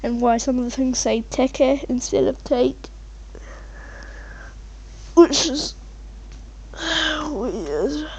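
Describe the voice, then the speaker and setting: A woman with a high-pitched, darkish voice draws out her words and leaves long pauses. She hosts a gameplay channel, rambling casually and hesitantly as her thoughts wander aloud. The recording has a muffled mic, faint background noise and keyboard typing.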